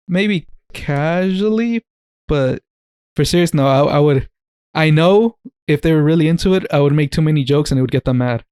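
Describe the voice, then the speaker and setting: A man co-hosts a casual podcast chat, his voice pitched a little high for a man yet darkish and smooth. He jokes, laughs often and swears freely, with a dry, close-mic sound and no room sound.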